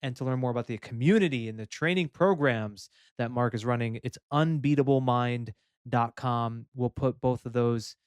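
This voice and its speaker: A man's voice: medium pitch, clean tone, no room sound. A man hosting a podcast interview, asking long, affirming questions and wrapping up with plugs. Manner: warm, affirming, drawn-out questions. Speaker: podcast host.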